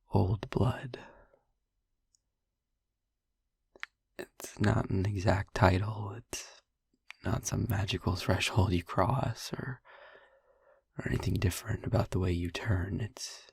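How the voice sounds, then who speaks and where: A man quietly explains things in the role of a young vampire boyfriend, haunted yet tender and wry, in an intimate audio roleplay. The hushed, husky, breathy voice sits lowish and stays steady, with long halting pauses. It's heavily acted and has no echo.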